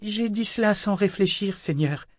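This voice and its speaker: Male reader voicing a guarded young woman in an audiobook, politely coaxing, slightly raised pitch. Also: moderate pace, no echo. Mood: apologetic.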